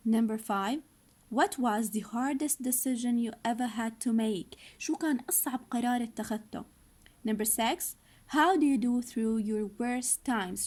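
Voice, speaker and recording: Woman teaching English slowly. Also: on the high side, a little mellow. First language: Arabic. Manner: reads each English line slowly, then explains it in Arabic. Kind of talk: recorded online lesson.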